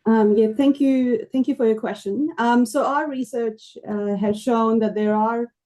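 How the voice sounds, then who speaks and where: Woman panelist with a hoarse, failing voice. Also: a little high, steady tone, unhurried, dark tone. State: losing her voice, hoarse. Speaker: panel speaker, researcher. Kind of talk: answering questions at a workshop panel.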